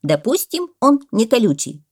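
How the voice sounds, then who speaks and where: A woman voicing a pompous male parrot who lectures loudly and exclaims often. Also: mid-range voice, very animated, measured pace, pitched above the performer's own voice. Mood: lecturing.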